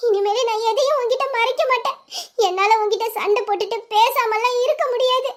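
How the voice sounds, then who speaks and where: A woman's voice: very high voice, fairly quick. A woman voicing a young, devoted wife in a romantic audio drama, speaking in a tearful, pleading and tender way.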